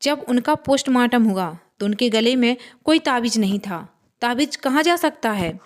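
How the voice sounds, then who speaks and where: Brief: shrill grieving widow, voiced by a woman narrator, insistent and tearful, horror storybook. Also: expressive, moderate pace, natural voice. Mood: frantic accusing. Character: grieving, frantic village widow accusing a girl.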